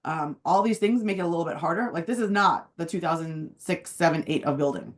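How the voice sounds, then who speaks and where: A woman real estate agent with a hoarse, phlegmy voice, chatting casually about the housing market. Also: on the low side, fairly quick. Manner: chatty, uses many fillers. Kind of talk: casual market update chat. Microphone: video call.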